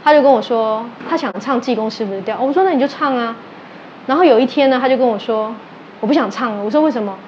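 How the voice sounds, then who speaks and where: A woman with a high-ish voice talks quickly through a sermon, her Taiwanese Mandarin blended with Hokkien. As a religious teacher she spins animated stories, voices the characters' exchanges and quizzes her audience. The recording sounds muffled, with slight background noise.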